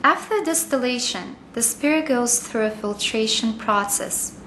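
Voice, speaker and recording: A woman reading scripted corporate training narration in a careful, measured way, with small slips in her phrasing. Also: on the high side, bright, forceful tone, echoey room, a little hiss or hum.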